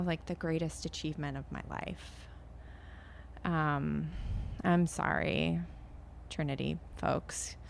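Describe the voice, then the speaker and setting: A woman's voice: lowish voice, gravelly, fairly bright tone, a little hiss or hum. A middle-aged woman from Maine, a podcast guest, talking in a chatty, self-deprecating way. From Maine, USA. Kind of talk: conversational interview.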